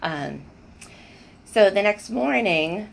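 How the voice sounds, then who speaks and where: A woman's voice: mid-range voice, animated, extremely slow, vocal fry, slight background noise, poor audio. A woman telling personal stories in an earnest, emotional way, often restarting her sentences. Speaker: spiritual speaker sharing personal stories. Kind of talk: casual personal storytelling.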